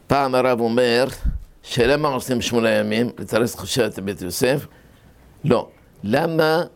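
A rabbi giving a Torah lesson. He explains things step by step, asks questions and answers them himself, tells anecdotes, and jumps up in pitch when he stresses a point. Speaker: rabbi teaching a class.

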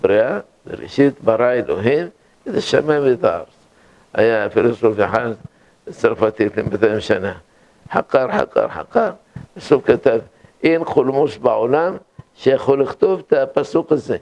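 A man giving a religious lecture full of stories, repeating words for emphasis with animated bursts. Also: medium pitch. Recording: dull lo-fi recording.

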